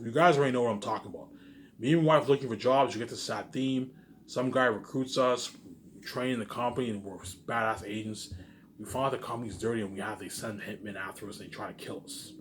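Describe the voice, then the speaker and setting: A vlogger with a medium-pitched voice talks casually to his viewers in a rambling monologue, boastful and self-assured. He repeats himself and tacks trailing asides onto his phrases, with slight background noise behind him.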